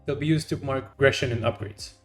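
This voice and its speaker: A man's voice: medium pitch, steady tone, fast. A young man, a game developer, narrating his devlog in a dry, self-deprecating way. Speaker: game developer and channel host. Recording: roomy echo. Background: faint music.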